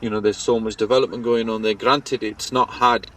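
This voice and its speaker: A man's voice: lowish voice, little pitch movement, brisk, a bit bright, poor audio. A man, a podcast guest, speaking earnestly and emphatically in a casual chat. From England.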